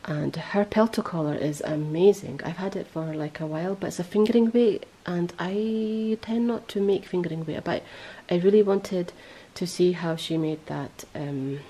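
A woman hosting a podcast in casual chat, rambling and correcting herself as she goes, her voice a little hoarse. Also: lowish voice, normal speed, few pauses, mellow, rough recording. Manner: chatty, rambling, self-correcting. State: voice going hoarse. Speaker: podcast host.

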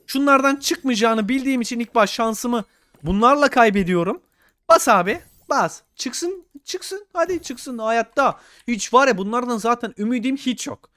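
A young man commenting on his own gameplay, pleading with the game and swinging between low muttering and loud shouts. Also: no room sound. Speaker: gaming YouTuber.

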